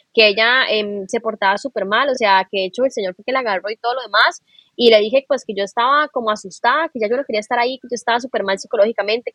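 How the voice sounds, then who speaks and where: A woman guest recounting her experience hesitantly, with many pauses and fillers. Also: a little high, fairly bright tone, no room sound. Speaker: podcast guest. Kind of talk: personal storytelling.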